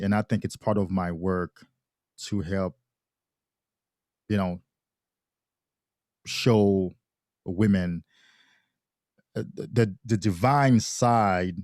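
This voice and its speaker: A podcast guest from Haiti talks thoughtfully in casual conversation, often halting and restarting his sentences. His voice sits low and is a little mellow, captured in clean studio sound with no echo.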